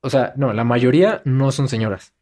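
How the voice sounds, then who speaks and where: A man's voice: mid-range voice, moderate pace, darkish tone. A young man with a Mexican Spanish accent telling stories in a casual chat and animatedly mimicking other people.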